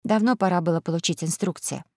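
A woman voicing a bold, cool-headed young girl in a storybook, speaking calmly and firmly. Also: on the low side, fast, no room sound, clean studio sound. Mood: firm, defiant. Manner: calm, firm, defiant.

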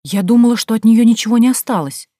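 A woman voicing an excitable, curious female friend in an audiobook, speaking in eager exclamations. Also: fairly low pitch, a little fast, husky, no echo, clean studio sound. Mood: excited. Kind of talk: audiobook character voice.

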